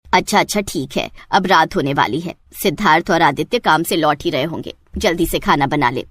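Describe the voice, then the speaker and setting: A woman's voice: deep voice, brisk, slightly rough, no room sound, pitched below the performer's own voice. A woman voicing a bossy, suspicious older mother-in-law. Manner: bossy, questioning.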